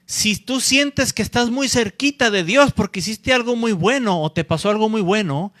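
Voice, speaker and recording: A male pastor preaching a sermon, deliberate and repeating key points, often checking in with a quick "¿sí?". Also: extremely high pitch, a bit bright, no room sound, clean studio sound. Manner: deliberate, checks in with the congregation by asking "¿sí?"; repeats key phrases for emphasis.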